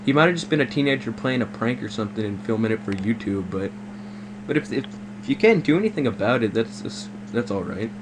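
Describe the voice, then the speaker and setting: Fast-talking and animated, this mid-range male voice belongs to a prank caller pretending to be a customer. He voices a polite complaint, hesitating and circling back over his words repeatedly, while faint background noise sits under the recorded call.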